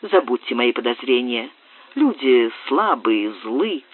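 A man's voice: medium pitch, sing-song, takes it slowly. A man reading an anguished young lord. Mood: earnest. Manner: earnest, questioning delivery. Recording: narrow phone-like audio.

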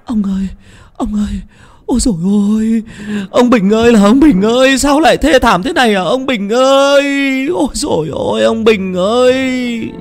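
A man voicing a grieving village mother who wails and cries out in a very high, loud voice. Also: moderate pace. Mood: wailing. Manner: wailing, sobbing cries, very high. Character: grieving village mother wailing for her dead husband.

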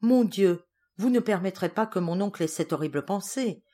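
A woman's voice: on the low side, expressive, a little slow. Woman reader as an anguished pious young woman; pleading, distraught. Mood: praying.

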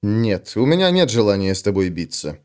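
A man plays a tired human swordsman who answers in a calm, even, dry voice. He stays patient and a little sardonic, in a level, unhurried tone. An audiobook character. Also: on the high side. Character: weary, patient adult male human swordsman.

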